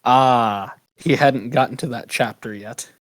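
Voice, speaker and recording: A man's voice: mid-range voice, unhurried, no room sound. A man with a mid-range voice banters casually as a player in a tabletop game. The recording is dry, with little room sound.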